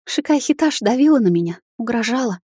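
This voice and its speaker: A woman's voice: a little high, animated, normal speed, darkish tone, breathy edge, dry recording, studio quality, pitched above the performer's own voice. A woman voicing a frightened young female vampire who whimpers and sobs, in a storybook reading. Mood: sobbing. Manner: tearful, whimpering.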